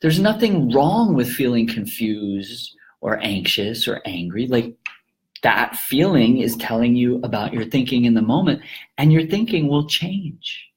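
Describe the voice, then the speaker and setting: A man teaching laughter yoga to camera in a calm, explanatory way, often breaking into laughter as he talks. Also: medium pitch, unhurried.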